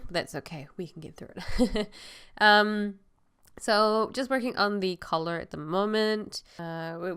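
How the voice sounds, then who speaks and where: Congested, softly choked-up woman, clear low-pitched voice. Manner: hesitant, rambling. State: congested, slightly choked-up voice from a cold. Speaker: vlog host. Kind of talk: casual voice-over commentary on a speed drawing.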